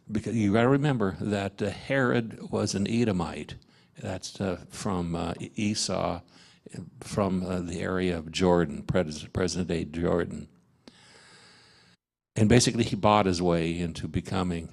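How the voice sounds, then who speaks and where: Deep gravelly guy teaching bible study, slow, lots of uhs and restarts. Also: darkish tone. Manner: halting, many fillers and restarts. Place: parish meeting room.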